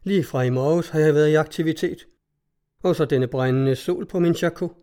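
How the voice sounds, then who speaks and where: A male reader voicing a tired, sulky army lieutenant in a storybook reading, speaking slowly and gruffly. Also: on the high side, dark tone, lightly acted. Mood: weary. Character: weary, grumpy young army lieutenant.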